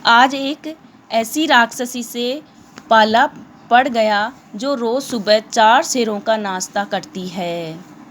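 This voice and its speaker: A frightened male lion king from a children's storybook speaks slowly and anxiously, read aloud by a woman. The voice sits slightly high, with a faint hum of room sound behind it. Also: fairly bright tone. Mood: shaken.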